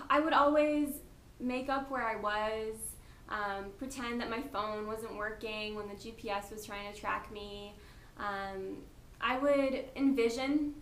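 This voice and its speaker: A woman's voice: a little high, a bit bright, reverberant, a little hiss or hum. A woman in her twenties answering casting interview questions in a chatty, giggly, slightly nervous way. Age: 20s. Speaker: reality show applicant.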